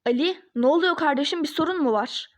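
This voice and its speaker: A woman's voice: sits high, quick pace, natural voice. A woman voicing an easygoing male coworker in a toy-game role-play drama. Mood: casual. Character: male coworker, casual and unbothered.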